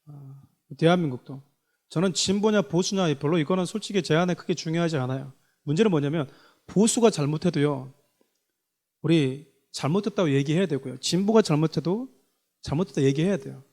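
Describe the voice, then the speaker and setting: Man, pastor, sermon, emphatic, rhetorical questions, high-pitched. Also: a little mellow.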